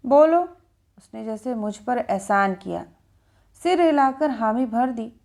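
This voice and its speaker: An older woman narrating a family story in an expressive, gentle storytelling manner. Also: a little high, unhurried.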